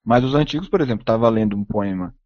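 A man's voice: lowish voice, quick pace, no room sound. Emphatic man lecturing, dull recording. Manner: emphatic, checks in constantly with tag questions. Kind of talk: opinionated lecture.

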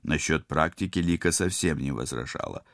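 A man narrating an audiobook in an expressive, wry style. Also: very deep voice, moderate pace, dry recording, clean studio sound. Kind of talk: scripted narration.

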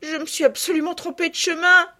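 A woman's voice: very high-pitched, fairly even intonation, brisk, pushed and bright, voice pushed up. A woman reading aloud and voicing a frightened little girl who sobs because she has led her friend astray. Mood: sobbing, panicked. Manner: tearful and sobbing.

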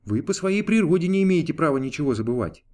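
A man voicing a dutiful archangel, formal and polite, holding his patience with his master. The delivery is animated, with a wide, lively pitch, as in a storybook reading. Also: fast talker. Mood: deferential. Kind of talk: audiobook character voice.

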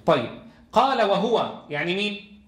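A man's voice: high-pitched, very animated, moderate pace, fairly bright tone, echoey room. A man teaching a Quran lesson in a classroom. He reads from a text and explains it, asking his students questions.

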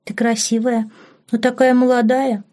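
A woman's voice: on the high side, level tone, moderate pace, dark tone, voice pushed up, lightly acted. A woman reading an audiobook voices a pale, curious little girl who speaks plaintively.

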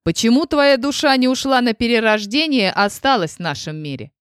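A woman voicing a tense, angry male king who asks sharp, accusing questions. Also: on the high side, lively intonation, brisk, clean tone, dry recording, studio quality, voice pushed up, lightly acted.

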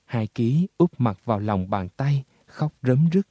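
A man reading a story aloud as narrator, in a steady, measured way. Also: mid-range voice, no echo. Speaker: audiobook narrator.

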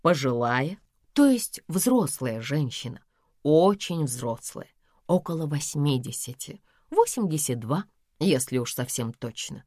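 A woman narrating a story in the first person, telling it in a lively, expressive way. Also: low-pitched, a little slow, dry recording, studio quality.

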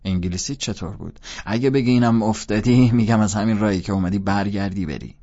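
A man's voice: lowish voice, mellow, highs cut off, natural voice. A man voicing a witty, jovial middle-aged male teacher with a teasing, joking tone.

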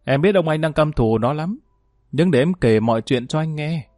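A man's voice: a little high, animated, moderate pace, a little mellow, no echo, studio quality, lightly acted. Man voicing smug cruel gang boss. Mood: smug taunting. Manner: smug, falsely polite taunting. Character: sly cruel male gang boss, mocking.

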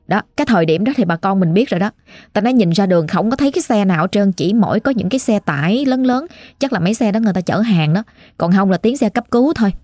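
A woman's voice: mid-range voice, darkish tone, dry recording. A woman with a Southern Vietnamese accent narrating a ghost story in a chatty, exclaiming way, talking straight to her listeners.

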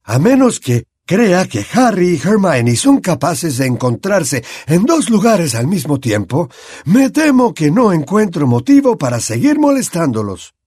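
A male narrator plays a serene old headmaster, measured and gently firm. His voice sits higher, lively and a bit husky, in a dry close recording. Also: dry recording, full character voice. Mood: calm.

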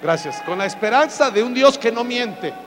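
A man's voice: very high voice, animated, normal speed, fairly bright tone. A man preaching a sermon as pastor. He preaches with joking asides and acts out quotes. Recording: hall reverb with faint mains hum.

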